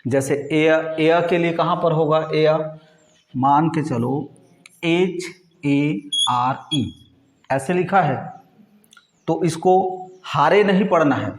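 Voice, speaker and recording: A man teaching a class slowly at a board, asking questions and answering them himself, with frequent checks that the class is following. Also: a little high, roomy sound, slight background noise. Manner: frequent "ठीक है" and "है नी" check-ins.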